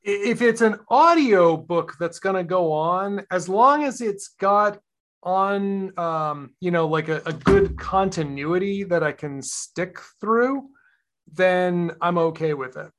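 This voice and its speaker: A man co-hosting a podcast, talking casually and thinking aloud. His voice sits a bit high for a man, and he winds through his points with plenty of fillers and restarts. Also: slow, a bit bright. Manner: rambling, thoughtful, many fillers and restarts. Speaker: podcast co-host. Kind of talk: casual chat.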